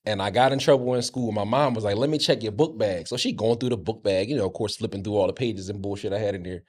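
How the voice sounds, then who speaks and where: A man's voice: on the low side, steady tone, quick pace, darkish tone. Candid, profane man on a podcast. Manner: candid, profane storytelling with stammered restarts. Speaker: co-host. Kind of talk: casual podcast chat.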